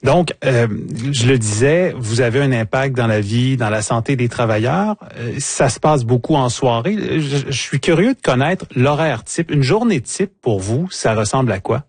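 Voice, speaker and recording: A man interviewing a guest, asking calm, prompting questions. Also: mid-range voice, normal speed, few pauses, slightly rough, dry recording. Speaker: interviewer, host. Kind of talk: radio-style interview.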